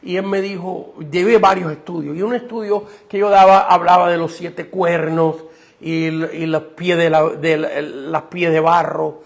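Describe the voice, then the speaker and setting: Gravelly high-voiced preacher man. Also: fairly even intonation, unhurried. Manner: teaching preacher, asks the audience questions. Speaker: pastor. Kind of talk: sermon teaching class.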